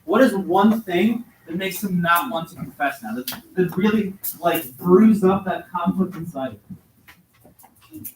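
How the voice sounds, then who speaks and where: A man's voice: high-pitched, measured pace, slight background noise. A male teacher leading a class discussion, questioning and coaxing students for answers. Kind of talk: classroom lesson. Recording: very echoey classroom from far off.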